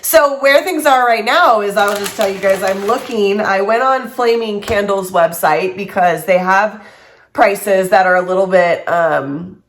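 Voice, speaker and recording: A woman's voice: mid-range voice, unhurried, fairly bright tone. A young woman with a cold, chatting casually and rambling to camera about her small business. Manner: rambling, chatty, self-deprecating. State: sick with a cold, congested. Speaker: candle business owner, vlogger. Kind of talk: casual unedited chat to camera.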